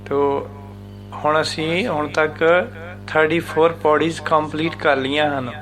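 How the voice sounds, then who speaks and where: A man teaching the meaning and recitation of scripture, speaking deliberately and repeating words syllable by syllable to show how they are pronounced. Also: a little high, fairly even intonation, a bit bright, faint music behind.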